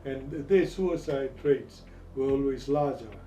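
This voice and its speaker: A man explains in an interview, halting and measured, with an academic manner. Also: medium pitch, warm tone. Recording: roomy, distant, noisy pickup.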